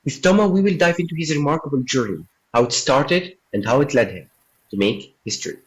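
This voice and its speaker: A man hosting a podcast, reading a formal introduction and asking measured questions. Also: mid-range voice, poor audio. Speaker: podcast host.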